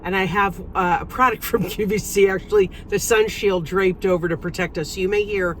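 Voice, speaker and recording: A woman's voice: mid-range voice, steady tone, a little fast, a little hiss or hum. A woman hosting a casual, chatty interview from inside a parked car. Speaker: host.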